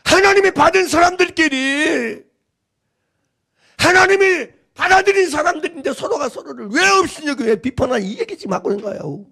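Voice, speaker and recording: Man, middle-aged pastor, sermon, very high voice, lively pitch, emphatic, repeats questions to the congregation. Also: fairly quick.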